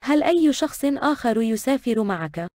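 A woman reading short translated travel phrases in a brisk, plain delivery. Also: fairly high pitch, animated, darkish tone, no echo, studio quality.

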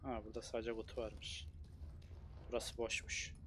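A man playing a video game on stream and talking as he goes, with quick exclamations and frequent swearing. His pitch sits in an ordinary middle range, and a faint hiss of noise runs under his voice. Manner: excitable, swears often, talks to himself while playing. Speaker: gamer streamer. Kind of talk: casual let's-play commentary.

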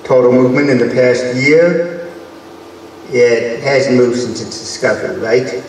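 A man's voice: mid-range voice, steady tone, a little slow, slight background noise, lightly acted. A man playing a weary, wisecracking male space professor with dry, sardonic quips, performed live on a convention stage. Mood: chatty. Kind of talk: live stage radio-play acting. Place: large convention hall stage. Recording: echoey hall, distant mic.

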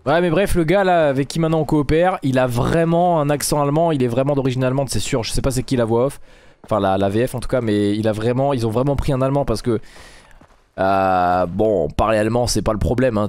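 A man hosting a let's play, chatting casually and excitably, rambling along with sudden yelps of surprise. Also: mid-range voice. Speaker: gaming video host.

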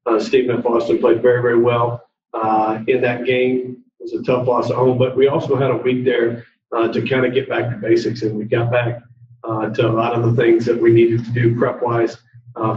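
A man's voice: mid-range voice, echoey room, far from the mic, lo-fi sound. A middle-aged man, a head coach at a postgame press conference, talking earnestly with many fillers.

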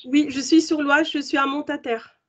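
A woman's voice: high voice, steady tone, normal speed. A woman in her forties introducing herself in a webinar, stammering and repeating words. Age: 40s. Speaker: webinar participant. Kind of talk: casual online meeting chat. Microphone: video call. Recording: dull lo-fi video call audio.

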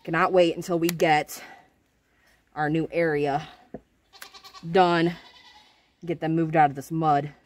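Speaking low with little movement in pitch, this thirtysomething woman talks slowly and pauses often. As a homestead vlogger, she narrates her farm chores in a chatty, practical manner, shooting on a handheld phone outside around the barn and farmyard.

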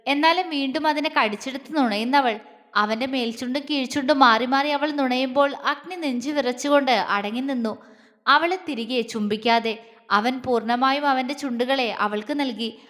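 A woman reads a romantic audio story aloud in a soft, steady storytelling manner. Her voice sits high for a woman. A long reverb rings after her words, as in a big hall. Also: moderate pace. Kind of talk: scripted romantic story narration.

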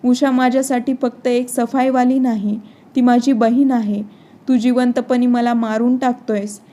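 A man's voice: very high-pitched, little pitch movement, unhurried, warm tone. A woman reading a stern, wounded old father. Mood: angry. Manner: scolding, indignant.

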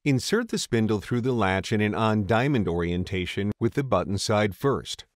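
A man reading a scripted voice-over for a step-by-step installation tutorial, in a steady, measured way. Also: lowish voice, dry recording, clean studio sound. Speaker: tutorial narrator.

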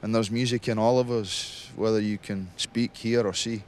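A man being interviewed, talking in a relaxed, rambling way with many fillers, recorded outdoors at a festival. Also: lowish voice, normal speed, slight background noise. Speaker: interviewed singer. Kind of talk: casual interview.

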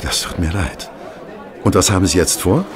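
An actor playing Stamford, an affable, chatty former hospital assistant doctor, in a radio play. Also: male voice, low-pitched, moderate pace, lightly acted. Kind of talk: German radio play acting. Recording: restaurant crowd murmur behind. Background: restaurant chatter.

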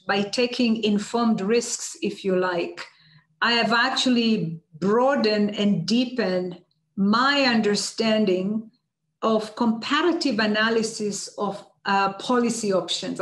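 Woman from Tanzania, middle-aged, measured, roomy video call sound. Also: medium pitch. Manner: measured, many fillers. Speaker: guest speaker, UN official. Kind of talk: seminar Q&A answers. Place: office with banners behind.

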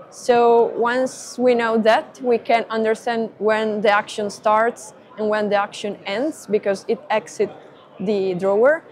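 A young woman, a perception engineer explaining her work step by step at a trade-fair booth, recorded on a lapel mic. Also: a little high. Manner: methodical, explains step by step with fillers.

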